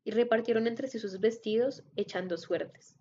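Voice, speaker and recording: Woman scripture reader, warm, even delivery, muffled lo-fi recording. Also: a little high. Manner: steady, measured reading. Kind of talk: Bible reading. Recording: dull lo-fi recording.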